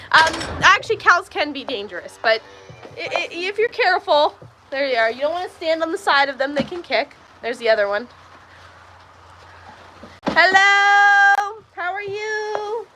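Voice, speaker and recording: Livestreaming casually from a milking stall in a farm barn, a Texas woman chats with viewers and answers their questions while coaxing her cows along. Her voice sits high and is very animated, her pace fairly quick, with a noisy background behind her.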